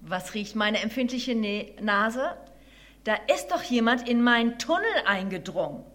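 A woman's voice: on the high side, expressive, measured pace, a bit bright. A woman doing a grumpy old mole. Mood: suspicious. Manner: grumbling, gruff and scornful. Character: grumpy stubborn male mole, heavy and slow. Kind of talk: children's story reading.

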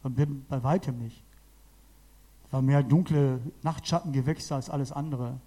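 A man preaching a sermon to a small congregation in a church hall, lively and emphatic, repeating phrases for effect. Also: mid-range voice, a little slow. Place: church hall with about forty people.

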